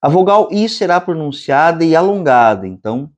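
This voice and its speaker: A Brazilian man teaches meditation in a slow, measured lecture. His pitch swings widely from phrase to phrase, lifting and dropping as he explains. Now and then he chants long, drawn-out vowels. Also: big pitch swings, a little mellow. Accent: Brazilian Portuguese. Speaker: meditation instructor. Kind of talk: spiritual lecture.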